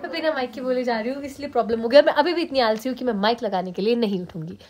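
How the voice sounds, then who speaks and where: Young woman vlogger, hoarse from a sore throat, quick casual talk, higher voice, phone audio with no mic. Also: a little mellow. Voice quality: hoarse, lower than usual. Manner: fast, chatty, mixing English into her talk. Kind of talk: casual vlog talk to camera. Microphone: no mic, phone camera. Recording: no mic, faint background noise.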